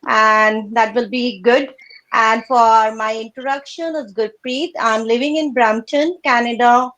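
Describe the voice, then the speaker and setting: A woman's voice: a little high, steady tone, a little slow, a bit bright, poor audio. A woman from India introducing herself on a live panel over a video call, chatty and talking straight to viewers.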